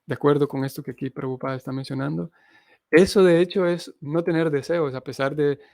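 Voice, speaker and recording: A Hare Krishna missionary teacher from Honduras gives a spiritual lecture, reading scripture aloud and reflecting on its meaning. His mid-range voice carries some vocal fry, captured in a dry, studio-quality recording.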